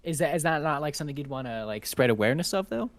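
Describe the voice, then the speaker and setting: Man, podcast co-host, casual chat, laughs a lot, swears freely, slightly high voice, dry sound. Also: expressive, very fast, no echo.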